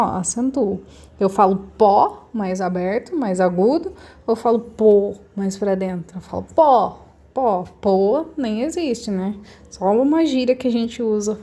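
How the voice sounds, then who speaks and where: A woman's voice: medium pitch, dark tone. A Brazilian woman teacher recording a lesson that corrects homework, explaining patiently step by step with rhetorical questions. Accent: Brazilian Portuguese.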